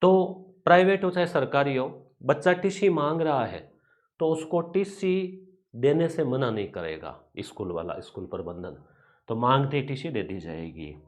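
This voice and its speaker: A man's voice: mid-range voice, lively intonation, measured pace. Man teaching with rhyming memory tricks. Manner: explains with repeated rhyming memory tricks, chatty and informal. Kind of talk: exam coaching lecture.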